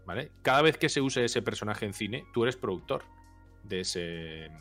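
A man chatting casually about films as a co-host, animated and quick to act out quotes. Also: fairly low pitch, faint music behind. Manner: animated, acts out quotes with loud outbursts and laughs. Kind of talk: casual film chat.

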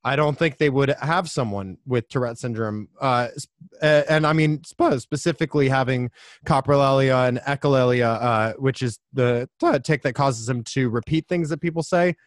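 Man, co-host, hesitant, lots of uh, mid pitch, dry close sound. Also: normal speed, dry recording. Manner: hesitant, many uh fillers. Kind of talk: casual film commentary chat.

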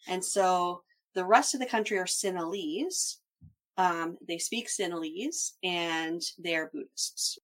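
A woman's voice: lowish voice, slow pace. A woman in casual conversation, explaining things as a traveler recounting a trip.

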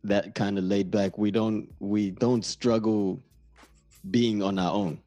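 A deep-voiced Namibian man in his thirties, talking loosely and unhurried as he rambles through his stories. His tone is dark and mellow, and the recording is dry with faint music behind him. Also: fairly even intonation, no echo. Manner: laid-back, rambling storyteller. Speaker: guest. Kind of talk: casual conversation.

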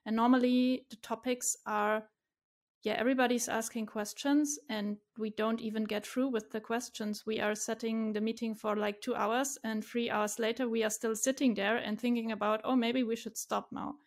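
A woman with a German accent, a native German speaker, chatting as an interview guest, cheerful and quick to laugh, often restarting her sentences. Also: fairly high pitch, little pitch movement. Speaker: guest, community organizer. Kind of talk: casual interview chat.

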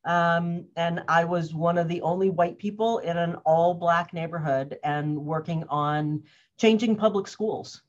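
A woman's voice: lowish voice, measured pace, dull audio. A woman in her fifties, a guest in an interview, talking thoughtfully with many fillers and restarts. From US, grew up in Cambridge, Massachusetts. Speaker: guest, organizational wellness consultant. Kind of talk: casual interview talk.

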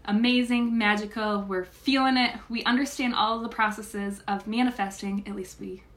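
A young woman teaching a recorded manifesting lesson, telling a personal story with lively exclamations. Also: medium pitch, normal speed. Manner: animated storytelling, exclaims when reliving moments.

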